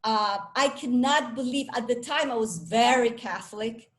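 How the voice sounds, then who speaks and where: Enthusiastic higher-voiced woman speaker from Venezuela. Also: normal speed. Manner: enthusiastic, self-assured, chatty with restarts. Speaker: speaker and coach. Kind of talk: talk to a live audience.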